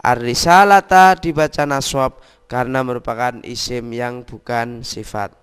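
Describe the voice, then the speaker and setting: A man's voice: mid-range voice, a little slow, a bit bright, clean tone, long reverb tail. A man narrating a scripted grammar lesson as a teacher, over-enunciating carefully word by word. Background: faint music.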